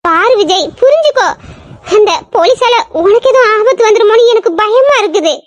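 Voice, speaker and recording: A woman's voice: very high-pitched, lively intonation, brisk, dry recording. A woman voicing a worried, tearful young woman doctor who pleads anxiously. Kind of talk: audio drama acting.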